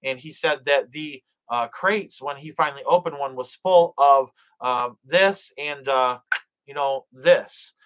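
On this poor-quality recording, a middle-aged man with a medium-pitched, fairly bright voice talks a little slowly. He hosts a live stream where he reads the chat, blesses viewers and prays, hesitating often with fillers and restarts.

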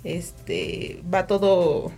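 A woman's voice: fairly low pitch, extremely slow, gravelly, mellow, faint music behind. A young woman from Guerrero with a Mexican coastal accent, chatting casually as a student guest and laughing easily. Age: young adult. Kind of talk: casual chat.

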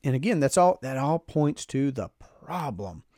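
A man's voice: mid-range voice, big pitch swings, moderate pace, dark tone, no echo, clean studio sound. A man giving an emphatic, explanatory talk about personal finance, repeating phrases for stress and restarting his sentences. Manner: frequent self-restarts, casual asides. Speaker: finance educator.

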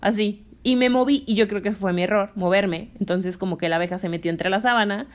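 Animated Mexican woman telling a story. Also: mid-range voice, fairly quick. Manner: animated retelling with acted-out quotes and shrieks. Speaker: storyteller in a couple's chat. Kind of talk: casual chat.

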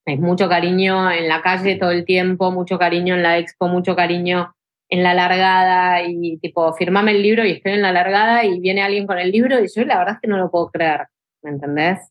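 An ultra trail runner on a podcast, a young adult woman with a Rioplatense Spanish accent, tells emotional stories in a relaxed chat peppered with "tipo" and "este". Her lowish voice moves fairly quickly with fairly even intonation, and the sound is lo-fi.

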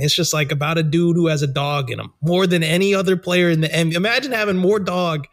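Rambling young man, slightly high voice. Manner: rambling, slangy, lots of fillers. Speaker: podcast co-host. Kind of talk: casual chat.

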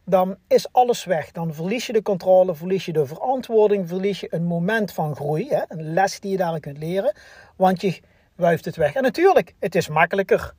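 A man's voice: sits high, animated, normal speed, darkish tone, husky, dry recording, studio quality. A man hosting a personal development podcast, talking earnestly with many restarts and fillers. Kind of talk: motivational podcast monologue.

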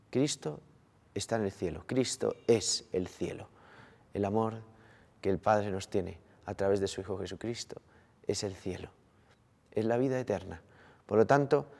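Gravelly-voiced priest preaching in a hall. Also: male voice, fairly low pitch, a little mellow. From Colombia. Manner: slow, earnest preaching addressing the listeners as brothers. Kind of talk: sermon.

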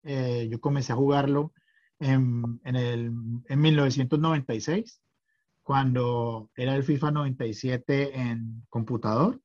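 A man's voice: mid-range voice, fairly even intonation, a little slow, a little mellow, lo-fi sound. A middle-aged man chatting as a podcast guest, hesitant, with many fillers and restarts. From Colombia. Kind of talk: casual chat.

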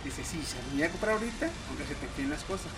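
A man's voice: a little high, animated, racing, music in the background. A man with a Mexican Spanish accent chatting casually, slangy and swearing a lot as he tells stories, putting on other people's voices. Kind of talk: casual chat.

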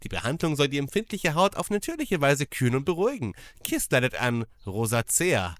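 A man hosts a casual comedy podcast. His bright voice moves animatedly up and down, with a dry, close sound. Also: medium pitch, sing-song, fairly quick, dry recording. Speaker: podcast host. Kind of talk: casual comedic podcast talk and reading aloud.

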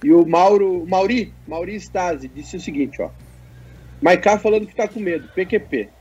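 A man's voice: high voice, moderate pace, darkish tone, husky. Nasal man with a dull lo-fi sound. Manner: joking, reads viewer messages aloud. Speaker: co-host. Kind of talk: casual sports chat.

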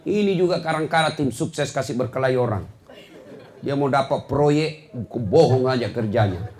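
A man's voice: mid-range voice, expressive, moderate pace, a little mellow. A man preaching a humorous sermon to a congregation, joking and scolding in turn, from Sulawesi. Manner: joking, scolding, mocks boastful people in put-on voices.

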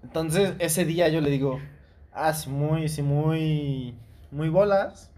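A young man with a Mexican accent, telling an animated, slangy story in casual chat. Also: fairly high pitch, slow pace.

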